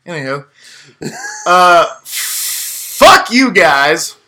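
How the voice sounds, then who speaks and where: A man's voice: sits high, huge pitch swings, drawn-out words, sharp tone. A man co-hosting a casual sports podcast, ranting in a rambling, profane, jokey way. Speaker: podcast co-host.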